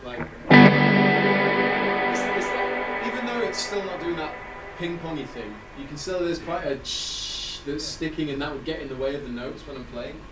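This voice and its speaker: A man's voice: on the high side, moderate pace. A man giving a guitar masterclass, talking casually and rambling a little, with self-deprecating jokes. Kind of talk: casual explanatory chat.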